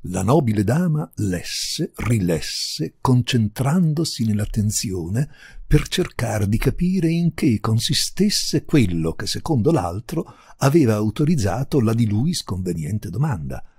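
Lettore teatrale, voce un po' velata, suono asciutto e vicino. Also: male voice, fairly low pitch, a little slow, breathy edge, no echo, studio quality. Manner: expressive, theatrical. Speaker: reader. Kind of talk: storytelling reading.

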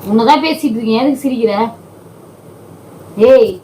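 A woman's voice: fairly high pitch, normal speed, dark tone, a little hiss or hum, poor audio. A woman who keeps pleading and scolding in a comedy sketch at home. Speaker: comedy video creator.

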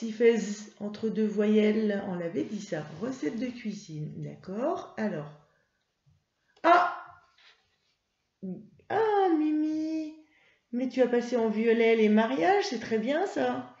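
A woman teaching a first-grade reading lesson, patient and encouraging, spelling out letters slowly for young pupils. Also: a little high, sing-song, darkish tone. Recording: roomy, slightly dull home recording.

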